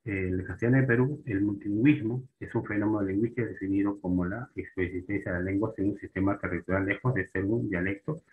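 A man giving a spoken lecture, halting, with many fillers and restarts and frequent tag questions. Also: lowish voice, steady tone, narrow, tinny audio. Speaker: teacher. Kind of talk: spoken lecture on the history of Spanish.

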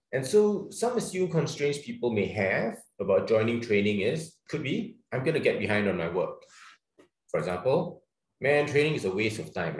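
This webinar trainer, a Singaporean-accented man with a lowish voice, gives a relaxed online workshop presentation full of fillers and false starts. The sound is poor, with room echo.

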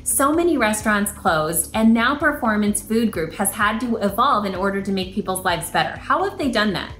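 A young woman hosting a business interview program, introducing the guest and asking questions in a bright, scripted presenter delivery. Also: medium pitch, animated, normal speed, echoey room, soft background music. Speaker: host. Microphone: video call webcam.

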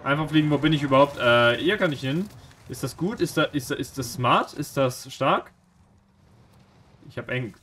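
A man giving live gameplay commentary, jumpy and anxious, swearing and mocking himself, swinging from low mutters to sudden shouts. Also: a little hiss or hum. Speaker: gaming streamer.

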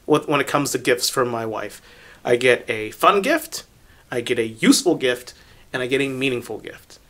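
Forties male podcast co-host, bright lively voice, emphatic and profane. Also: medium pitch, moderate pace. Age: 40s. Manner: loud, emphatic, swears and laughs often. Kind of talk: casual chat.

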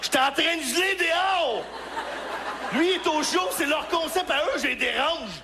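A male stand-up comedian from Quebec with a Québécois accent, telling stories on a live stage and shouting his punchlines. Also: extremely high pitch, moderate pace. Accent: Québécois French. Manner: animated storytelling with shouted punchlines.

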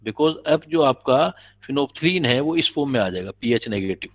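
A man's voice: mid-range voice, expressive, normal speed. Patient male chemistry teacher, dull recording. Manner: patient, explanatory, quizzes students and calls them "beta". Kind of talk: classroom lecture.

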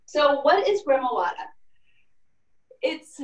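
A woman's voice: high voice, very animated, takes it slowly, recorded from a distance, highs cut off. A woman giving a casual cooking demonstration in her home kitchen, chatty and full of fillers. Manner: chatty, lots of fillers like "like" and "kinda". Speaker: cooking instructor. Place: home kitchen in an old apartment. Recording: echoey room, voice off-mic.

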